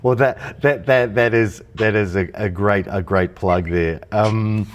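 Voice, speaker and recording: A man hosting a casual interview, often repeating and restarting his words and answering with quick yeahs. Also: fairly low pitch, a little hiss or hum. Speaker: interview host.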